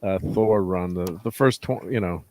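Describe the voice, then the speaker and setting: Casual host, lower male voice, meandering and halting delivery. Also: darkish tone, slight background noise. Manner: rambling, halting, laughs often. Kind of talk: casual chat.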